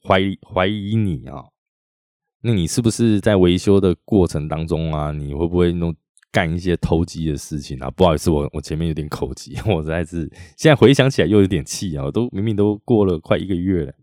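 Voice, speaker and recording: Low-voiced Taiwanese podcast storyteller. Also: male voice, a little mellow, no room sound, clean studio sound. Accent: Taiwanese Mandarin. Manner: chatty, with frequent drawn-out tag particles. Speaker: podcast host. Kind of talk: casual storytelling monologue.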